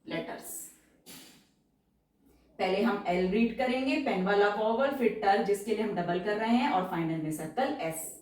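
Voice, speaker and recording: A woman teaching shorthand in a patient, step-by-step way, repeating each example word slowly. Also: medium pitch, a little mellow, recorded from a distance. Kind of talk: step-by-step tutorial explanation. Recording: roomy echo, voice from off-mic.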